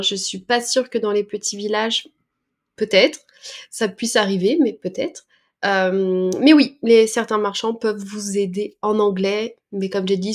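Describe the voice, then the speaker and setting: A woman teaching a French lesson, patiently explaining words and expressions step by step, with small hesitations as she goes. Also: mid-range voice. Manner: patient, breaks words down slowly with fillers.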